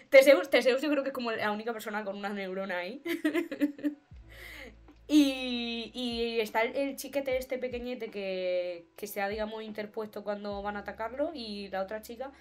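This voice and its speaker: Spanish-accented woman, chatty and playful podcast co-host, laughs a lot, kinda high voice. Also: unhurried. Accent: Spain. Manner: expressive and playful, laughing often. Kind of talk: casual chat.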